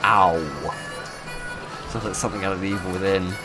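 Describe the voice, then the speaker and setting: A man's voice: sits low, little pitch movement, fairly quick. A man giving playful, wry commentary while playing a video game. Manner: playful, wry asides, reads game text aloud. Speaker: gaming YouTuber. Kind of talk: let's play commentary. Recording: game music playing underneath.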